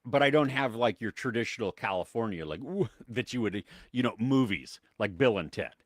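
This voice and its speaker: Co-hosting a casual live-stream podcast, an American man talks movies, reads out viewer comments, laughs often, and leans heavily on fillers. He speaks at a normal speed with medium pitch and lively intonation, in a dry, studio-quality recording.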